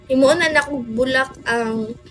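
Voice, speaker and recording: On her livestream, a host from the Philippines chats casually and calls out viewers by name in a Filipino accent. Her voice is high-pitched and a little slow, with some hiss or hum in the audio.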